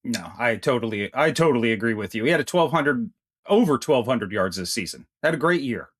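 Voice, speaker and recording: A man's voice: medium pitch, expressive, brisk, a bit bright. A man co-hosting a fantasy football podcast in casual chat, brash and joking, with frequent swearing. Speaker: podcast co-host.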